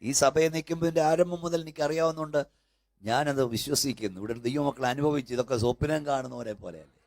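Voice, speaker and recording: An older man preaching a sermon as pastor in a church hall, with fervent repeated calls that build up to shouting. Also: fairly high pitch, quick pace.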